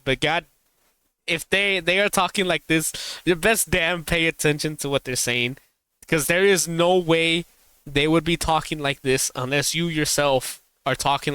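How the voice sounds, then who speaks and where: A man in casual live-stream chat, reacting to a video. His voice is smooth and resonant, recorded dry and close with no room echo. He rambles, laughs easily and drives his warnings home with emphasis. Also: a little high, fairly even intonation, normal speed, sharp tone.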